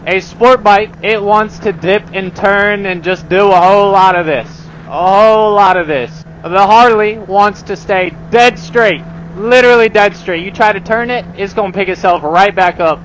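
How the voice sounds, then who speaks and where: A man with a high, fairly bright voice vlogs from his motorcycle on the road, talking casually to viewers at a moderate pace in slangy language full of profanity. The outdoor recording is noisy with engine and traffic sounds.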